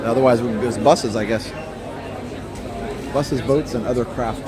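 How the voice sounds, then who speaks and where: A man's voice: mid-range voice, fairly even intonation, unhurried. A man hosting a live stream, chatting casually with viewers in an easygoing, conversational way from a busy public station. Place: busy public theme park transit station. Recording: loud busy crowd behind the voice.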